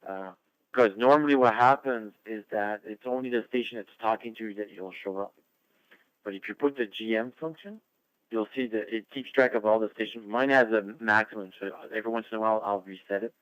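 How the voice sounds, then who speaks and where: A man's voice: fairly low pitch, steady tone, fairly quick, fairly bright tone, clear, resonant tone, dry recording, rough recording. A man chatting casually as an amateur radio net controller over a two-way radio, rambling and friendly. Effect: two-way radio transmission.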